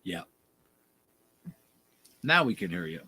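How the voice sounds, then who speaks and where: A man's voice: deep voice, very animated, takes it slowly. A man in his fifties hosting a casual livestream chat in a laid-back, sweary way. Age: 50s. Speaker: livestream host.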